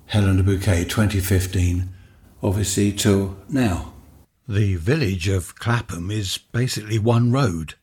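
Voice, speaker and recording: A man with a deeply husky, rough-edged voice that sits on the low side. He narrates a casual walkabout vlog into a handheld mic, chatty and rambling, thinking aloud as he goes. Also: unhurried, darkish tone. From West Sussex, England. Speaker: vlogger. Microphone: handheld microphone.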